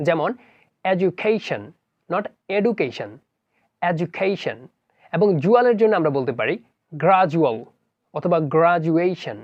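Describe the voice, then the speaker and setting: A pronunciation teacher giving a spoken lesson, slowly spelling out letters and repeating words with care. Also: medium pitch, darkish tone, no echo, muffled recording. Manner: slow, deliberate spelling-out of letters.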